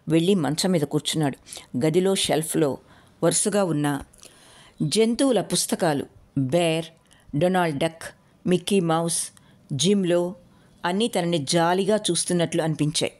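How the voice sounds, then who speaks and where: A woman storyteller with a lowish voice reads a novel aloud. Her pace is calm and measured. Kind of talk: audiobook story narration.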